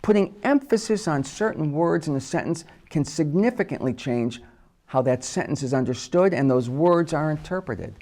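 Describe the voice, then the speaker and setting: A man hosting a scripted talk on wordplay, playfully spelling out letters slowly for emphasis. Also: on the high side, expressive, darkish tone. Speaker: host.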